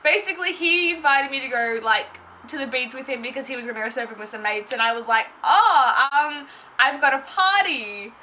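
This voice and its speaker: Brief: young woman, vlogger, rambly casual story time, high voice. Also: quick pace, few pauses, bright, forceful tone, slight background noise. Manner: rambling, filler-heavy, self-interrupting.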